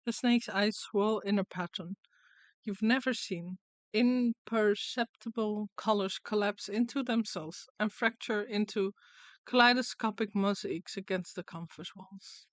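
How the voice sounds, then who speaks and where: A woman's voice: mid-range voice, unhurried, no echo. A woman streamer giving casual game commentary and reading story narration aloud with dramatic flair.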